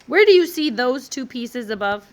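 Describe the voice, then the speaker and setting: A woman's voice: high voice, expressive, moderate pace. A woman teaching math in a classroom, walking through each step and asking the class encouraging questions. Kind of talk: classroom lecture.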